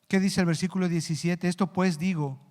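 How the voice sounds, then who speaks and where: A male pastor preaching a sermon earnestly, rising in pitch and volume for emphasis and slowing down on key words. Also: fairly even intonation, darkish tone. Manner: slows down to stress key words. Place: church hall. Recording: long church reverb.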